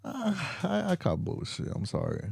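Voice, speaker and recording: A man hosts a podcast in easy, rambling conversation, swearing casually. His voice is low-toned and mellow with a gravelly fry. The sound is dry and close. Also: wildly swooping pitch, normal speed, no echo. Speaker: podcast host. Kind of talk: casual chat.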